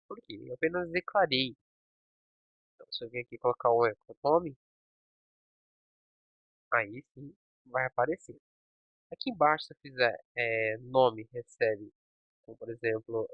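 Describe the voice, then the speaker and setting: A man's voice: mid-range voice, no echo. Man, tutorial teacher, step-by-step coding walkthrough, dry lo-fi mic. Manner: talks through code step by step, checking with "ok?" and "certo?". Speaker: programming teacher. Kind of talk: screen-recorded coding tutorial.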